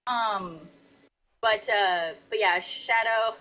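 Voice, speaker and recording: A woman narrating a tabletop game as game master, casually and haltingly, repeating phrases as she goes. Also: mid-range voice, bright, forceful tone, rough recording.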